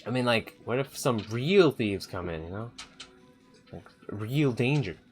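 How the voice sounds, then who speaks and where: A man's voice: medium pitch, lively intonation, a little slow. Chatty man commenting on a game. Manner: chatty, reacts with laughs and filler words. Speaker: let's play host. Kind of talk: casual gameplay commentary.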